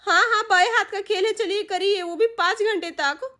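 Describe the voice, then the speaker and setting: A woman's voice: very high-pitched, normal speed, bright, forceful tone. A woman voicing a young wife in a doll story, scolding and teasing her lying husband. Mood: sarcastic. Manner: scolding, sarcastic. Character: sharp-tongued young wife, teasing and stern. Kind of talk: Hindi doll-story role-play.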